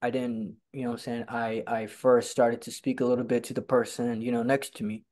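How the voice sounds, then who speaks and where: In a home room by a staircase, a young adult guest speaks into his laptop webcam for a relaxed video-call interview. His mid-range voice has a darkish tone and little pitch variation, runs a little fast, and is marked by stuttering, many fillers and repeated words.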